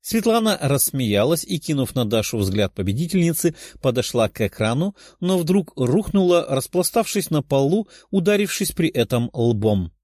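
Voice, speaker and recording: A man reading a novel aloud as narrator, with expressive storytelling. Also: on the high side, moderate pace, hardly any pauses, no room sound, studio quality. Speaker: audiobook narrator. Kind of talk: scripted narration.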